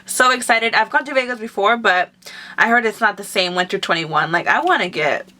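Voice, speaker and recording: A woman's voice: mid-range voice, fairly quick, pushed and bright. A woman of twenty from California, chatting casually and upbeat as a beauty vlogger answering viewer questions. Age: 20s. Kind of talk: casual chat.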